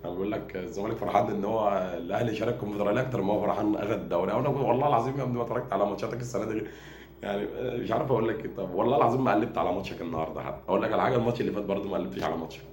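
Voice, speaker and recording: Fast-talking taunting Egyptian football fan. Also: male voice, fairly low pitch. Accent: Egyptian Arabic. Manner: taunting, mocking rival fans; rapid, repetitive, animated delivery. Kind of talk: fan rant to camera. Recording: echoey room with background noise.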